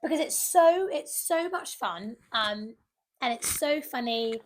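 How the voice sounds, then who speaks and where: High-pitched young woman telling a story. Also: takes it slowly. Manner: animated storytelling with acted-out quotes. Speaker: podcast co-host. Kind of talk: casual chat.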